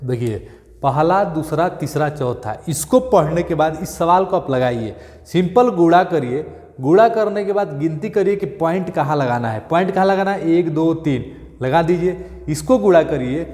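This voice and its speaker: A male maths teacher, repeating steps and checking in often with "thik hai" and "clear". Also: a little high, expressive, moderate pace, darkish tone, long reverb tail. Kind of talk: classroom maths lesson.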